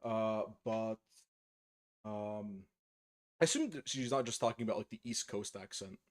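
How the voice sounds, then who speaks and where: Relaxed and rambling, with frequent fillers and restarts, a man paints miniatures on a live stream, speaking at a measured pace in a lowish voice. He's from the United States, grew up speaking Polish, and carries a slight Polish accent.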